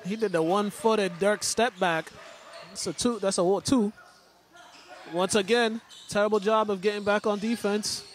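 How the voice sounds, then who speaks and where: A man with a high-pitched voice and fairly even intonation, speaking at normal speed, gives loose, chatty play-by-play of a game, repeating names and restarting phrases. It's casual sports commentary recorded in a large indoor school gym, with a little hiss or hum. Faint gym ambience and bouncing balls sit in the background.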